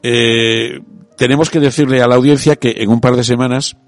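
A man hosting a radio talk show, speaking in a relaxed, conversational way with frequent hesitations. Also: mid-range voice, normal speed, no room sound, faint music behind.

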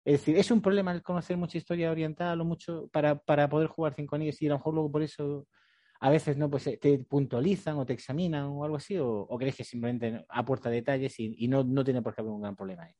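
A man's voice: on the high side, fairly even intonation, fast, dark tone, no echo. A man with a Spain Spanish accent, hosting a podcast, casual and joking, asking long rambling questions. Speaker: podcast host.

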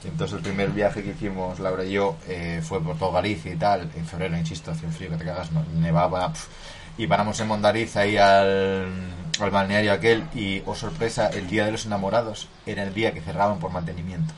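Male co-host, lowish voice, crude joker, loose casual chat. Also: flat delivery, a little fast, a little hiss or hum. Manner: joking storyteller, crude and laughing. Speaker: podcast co-host.

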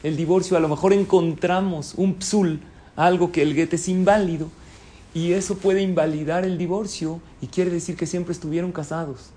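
A man's voice: high-pitched, steady tone, moderate pace, dark tone, close to an everyday voice. A man voicing a wise older rabbi who gives firm, emphatic counsel.

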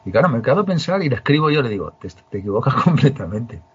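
Husky-voiced man telling a story. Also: medium pitch, very animated, fast. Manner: storytelling, emphatic with frequent restarts. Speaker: podcast host. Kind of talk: casual conversation. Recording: muffled lo-fi sound.

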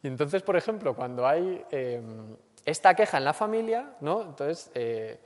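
Lively Spanish-accented lecturer in a reverberant hall. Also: male voice, a little high, normal speed. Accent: Spain Spanish. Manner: lively, acts out everyday complaints. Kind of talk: lecture on character education.

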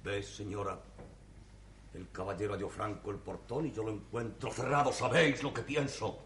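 A man's voice: on the low side, fairly even intonation, moderate pace, fairly bright tone, slight background noise, close to an everyday voice. An actor playing a suspicious, haughty sixteenth-century nobleman, speaking in a formal, commanding, archaic manner with a Spain Spanish accent. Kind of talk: 1960s TV stage play acting. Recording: echoey old TV studio sound.

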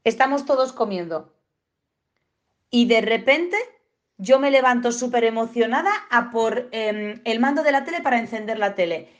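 A woman with a Spain Spanish accent giving a casual, digressive lesson as a dog trainer, now and then acting out owners and dogs in squeaky voices. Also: normal speed. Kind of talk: casual spoken lesson to viewers.

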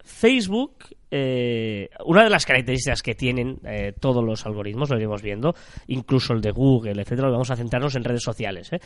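A man's voice: mid-range voice, fairly quick, no echo. A man with a nasal, stuffed-up voice from a cold, chatting as co-host of a marketing podcast. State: has a cold.

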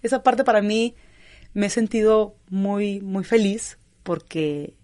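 A young adult woman from Mexico with a Mexican accent, a professional footballer answering interview questions in an expressive, animated way. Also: medium pitch, dry recording, clean studio sound. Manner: expressive, animated storytelling with quick asides.

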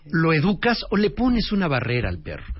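A man's voice: fairly high pitch, wildly swooping pitch, brisk, breathy edge. A man giving firm, directive parenting advice in a casual talk show. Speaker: parenting expert co-host. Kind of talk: advice chat. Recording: dry, dull lo-fi broadcast sound.

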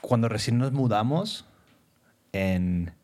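A young man from Peru co-hosting a casual podcast chat, telling stories animatedly and acting out quotes with sudden high exclamations. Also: expressive, takes it slowly, darkish tone. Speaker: podcast co-host.

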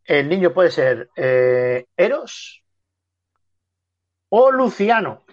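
A man's voice: fairly high pitch, sing-song, extremely slow. A man with a Spain Spanish accent co-hosting a podcast, rambling and joking in casual chat, his sentences often trailing off. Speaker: podcast co-host. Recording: dull lo-fi dry sound.

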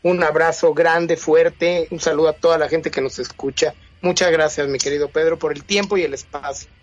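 A man's voice: a little high, fairly even intonation, moderate pace, dull audio. A man guest in a casual interview, talking in an affectionate, playful way.

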